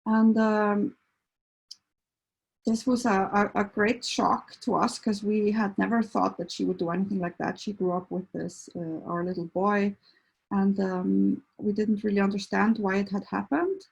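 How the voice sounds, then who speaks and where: A woman's voice: medium pitch, fairly even intonation, unhurried, gravelly, darkish tone, husky, low-quality recording. A middle-aged woman from Iceland, a veterinarian giving a hesitant, casual introductory talk full of fillers. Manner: hesitant, many fillers and restarts. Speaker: veterinarian and behavior counselor.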